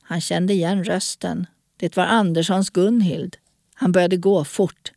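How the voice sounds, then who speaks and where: A woman narrating an audiobook story in a calm, even storytelling manner. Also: lowish voice, gravelly, no room sound, studio quality.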